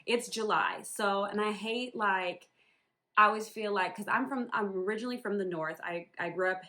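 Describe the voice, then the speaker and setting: A woman's voice: mid-range voice, normal speed, bright, forceful tone. A woman from Northern New England chatting casually about her home embroidery business, rambling with many ums and likes. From Northern New England, USA. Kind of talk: casual vlog chat.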